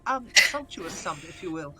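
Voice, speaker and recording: A woman's voice: on the low side, sing-song, moderate pace, loud music behind the voice. A woman, a player introducing her character in a playful, rambling way. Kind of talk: casual chat.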